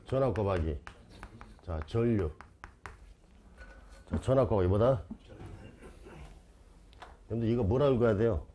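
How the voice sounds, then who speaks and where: A man's voice: on the low side, animated, a little slow, pauses often, dark tone, slight background noise. A man giving an online exam-prep lecture, quizzing his students with constant rhetorical questions and insistently repeating key terms.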